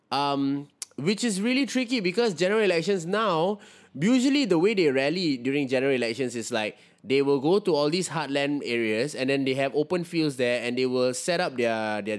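A Singaporean man chatting casually as a co-host, in an animated, slangy way peppered with "bro", "man" and "lah". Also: medium pitch. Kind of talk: casual chat.

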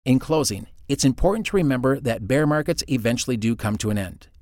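A man's voice: medium pitch, lively intonation, quick pace, darkish tone, dry recording, clean studio sound. A man hosting a podcast, reading scripted financial narration. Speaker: podcast host.

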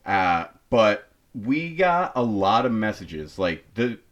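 A man's voice: lowish voice, sing-song, takes it slowly, fairly bright tone, highs cut off. A man hosting a podcast in casual chat, jokey and swearing freely, often breaking into laughter. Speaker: podcast host.

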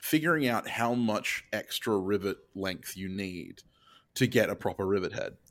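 A man's voice: on the low side, expressive, moderate pace, a bit bright. A man. He explains techniques in a casual, plain-spoken way, like a blacksmith chatting on his podcast. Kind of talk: casual instructional chat.

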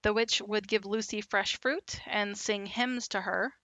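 A woman hosting a podcast, telling a story in a relaxed, casual way with lots of fillers. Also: mid-range voice, a little slow, dry recording. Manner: relaxed, with many fillers and asides.

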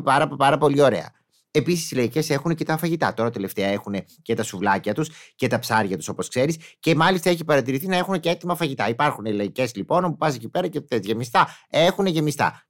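A man's voice: a little high, a bit bright. A man delivering a casual comic monologue in a chatty, exclamatory way, with mock-indignant asides.

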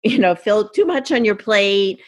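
Woman, interview host, mid pitch, chatty, encouraging. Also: expressive, a little slow, dry recording. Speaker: podcast host. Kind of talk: casual interview chat.

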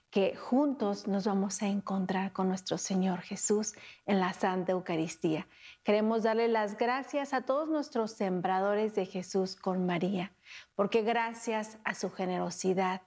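Woman giving a devotional welcome, medium pitch. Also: a little mellow. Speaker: host welcoming viewers to a broadcast Mass.

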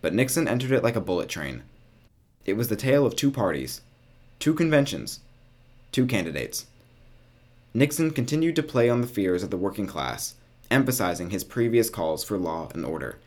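Lively low-voiced man narrating history. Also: normal speed. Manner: storytelling with casual, wry asides. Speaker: podcast host.

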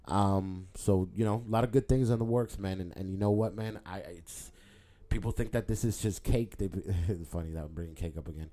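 A man's voice: low voice, a little fast, warm tone. A man who is a comedian, talking loosely on his podcast with lots of fillers and swearing. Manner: rambling, loose, heavy filler and profanity. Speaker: stand-up comedian and podcast host. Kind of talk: casual podcast monologue.

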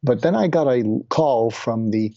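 An older man recounts his own past in an earnest, reflective way. His voice is dark and mellow. The recording is dry and sounds dull, with little room around it. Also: mid-range voice, lively intonation, measured pace, no echo. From Boston area, USA. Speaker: guest, physician. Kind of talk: personal storytelling in an interview.

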